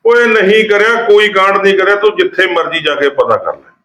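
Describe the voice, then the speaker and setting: A man's voice: a little high, big pitch swings, a little fast, fairly bright tone, echoey room, a little hiss or hum, low-quality recording. A man playing a village headman in a short film, who keeps asking for agreement and argues back with his wife. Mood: defensive. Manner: keeps asking "okay?", defensive when scolded. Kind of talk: amateur short film acting.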